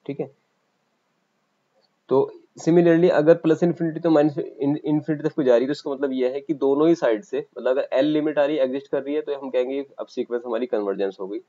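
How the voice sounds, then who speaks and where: Indian man teaching math, slow and dark-toned. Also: medium pitch, lo-fi sound. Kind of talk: online exam-coaching lecture.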